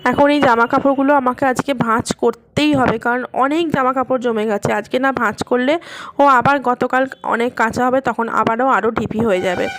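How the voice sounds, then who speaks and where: A woman's voice: fairly high pitch, normal speed. A tired, unwell woman narrating her daily home vlog in a chatty voice-over, rambling through her day. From India, West Bengal. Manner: chatty, rambling everyday storytelling. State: weak and tired from illness. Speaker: vlogger.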